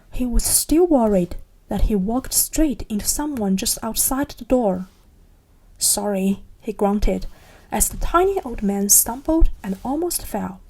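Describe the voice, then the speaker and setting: A young woman reading a novel aloud in a soft ASMR style, hushed and partly whispered. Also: on the high side, breathy edge, low-quality recording. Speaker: narrator.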